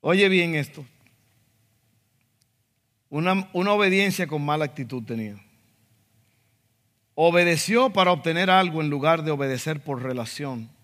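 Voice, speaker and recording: In a reverberant church sanctuary, a Dominican-accented man from the Dominican Republic preaches as a pastor. His voice is a little high and a bit bright, with lively intonation, a moderate pace, and long pauses. He is emphatic and acts out quotes in asides.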